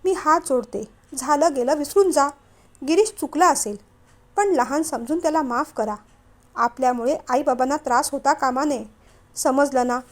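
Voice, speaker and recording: A woman voicing a gentle young wife who earnestly pleads with her husband to make peace with his family. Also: high-pitched, moderate pace, close to an everyday voice. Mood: pleading.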